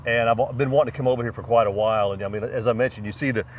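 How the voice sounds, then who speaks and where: A man hosts casually on location with a mid-pitched voice. He sounds a little off the mic, with light outdoor noise around him. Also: fairly even intonation, very fast. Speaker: host. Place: outdoors at a swamp ranch. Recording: slightly distant, noisy outdoor location.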